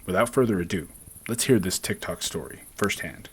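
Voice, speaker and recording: A man's voice: sits low, a little fast, a little hiss or hum. A man from the southwestern United States hosting a podcast in a conversational urban legend teller manner. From southwestern United States, Navajo Nation. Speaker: podcast host.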